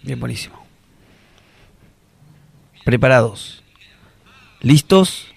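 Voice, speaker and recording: A man's voice: medium pitch, animated, drawn-out words, creaky, slightly rough, no echo. A man teasing friends and refereeing in a mock-formal way. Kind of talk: casual group banter.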